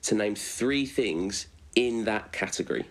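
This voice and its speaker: A young man hosting a casual chat on a video call, relaxed and full of ums and uhs. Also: fairly low pitch, unhurried. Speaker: host.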